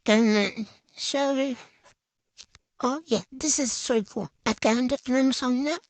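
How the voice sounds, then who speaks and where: Her high voice unhurried and free of echo, a woman vlogs through a chatty show-and-tell voice-over. The delivery is casual, unscripted, and hesitant, with thoughts that tend to trail away.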